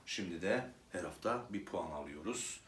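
A man's voice: fairly high pitch, big pitch swings, moderate pace, fairly bright tone, far from the mic. A man playing a hot-tempered male club president who rants theatrically, swinging from sweet talk to fury. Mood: ranting. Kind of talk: comedy sketch monologue. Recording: roomy echo, away from the mic.

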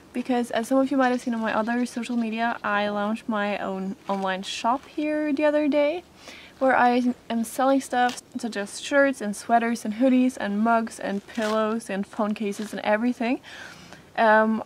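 Young woman chatting into her camera at the barn, slightly high voice, lots of ums. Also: a little hiss or hum. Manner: chatty, with many fillers. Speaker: horse vlogger. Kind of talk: casual vlog chat. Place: horse barn, indoors and out. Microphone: handheld camera.

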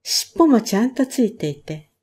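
A woman reading a storybook aloud and voicing a polite, gently boastful expectant mother cow. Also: a little high, very animated, normal speed, breathy edge. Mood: proud.

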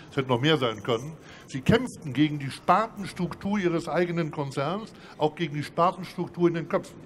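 Panel guy making his point fast, bit higher voice, faint hum behind. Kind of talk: panel discussion.

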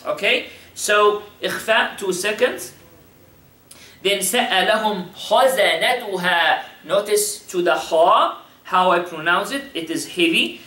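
A man's voice: sits high, extremely slow, sharp tone, reverberant, far from the mic. A man teaching Quran recitation with Tajweed, explaining in English and patiently repeating syllables to demonstrate.

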